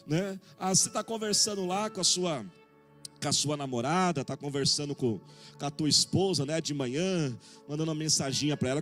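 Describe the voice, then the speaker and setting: A man with a Brazilian Portuguese accent preaching a sermon in a jokey, animated way, acting out little dialogues and calling out to the congregation. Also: on the high side. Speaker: pastor. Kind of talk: sermon with humorous anecdotes.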